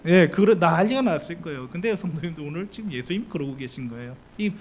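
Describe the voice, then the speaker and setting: A male pastor gives a sermon in a church with a fairly high voice. He keeps asking the congregation questions and briefly acts out the voices of the people in the story. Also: animated, fast, slightly rough. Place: church sanctuary.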